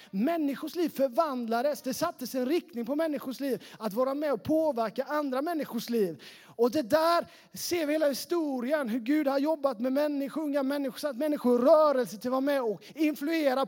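Man, youth pastor, very high-pitched, casual chatty sermon, lots of fillers, speaking to a church crowd. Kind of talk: lively preaching to a young congregation.

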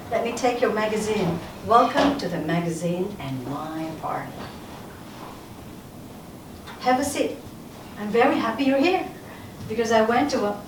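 A woman's voice: a little high, natural voice. Giddy newly engaged hostess, read by a woman student; bubbly, sing-song, recorded from far off in a noisy room. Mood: welcoming. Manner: bubbly, rushed line reading. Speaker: acting student. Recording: roomy classroom audio from far off, noisy.

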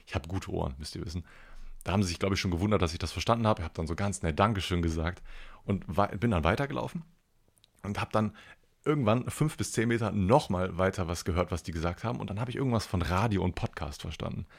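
A man hosting a podcast, telling a rambling everyday story in a casual, self-deprecating way and swearing now and then. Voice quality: deep gravelly voice. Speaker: podcast host.

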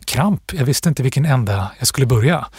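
A man being interviewed as an author, talking reflectively with pauses and restarts. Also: medium pitch, animated, a little mellow, breathy edge, no room sound, studio quality. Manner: thoughtful, pausing, with restarts and fillers. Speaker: author, guest.

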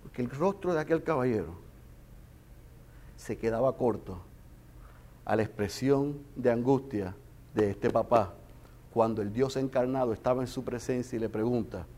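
A man preaching a sermon with passion, swinging between loud emphasis and hushed storytelling. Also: medium pitch, moderate pace, long pauses. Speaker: pastor.

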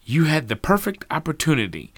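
A man's voice: fairly high pitch, wildly swooping pitch, a little fast, no room sound, voice pushed up. A man voicing a smug adult male police detective who asks clipped, demanding questions. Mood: accusing.

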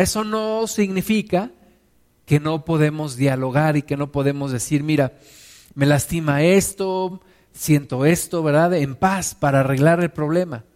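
A man's voice: sits high, darkish tone. A man preaching a sermon with an emphatic, repetitive cadence.

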